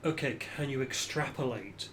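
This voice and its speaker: A man takes part in a tabletop game in a casual, halting way, thinking aloud as he goes. His pitch is average and there is clear noise on the recording.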